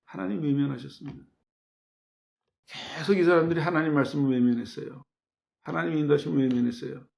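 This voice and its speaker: A man's voice: on the high side, fairly even intonation, brisk, vocal fry, a little mellow. A man, a pastor, preaching a sermon in a conversational way, asking the listeners questions and answering them himself. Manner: acts out quoted voices in his telling.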